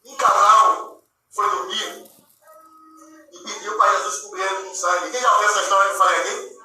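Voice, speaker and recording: A man preaching a sermon with a Brazilian Portuguese accent, shouting at the peaks and calling out to the congregation. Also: high-pitched, steady tone, fairly quick, a little hiss or hum. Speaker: pastor. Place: large church hall. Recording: echoey church from far off.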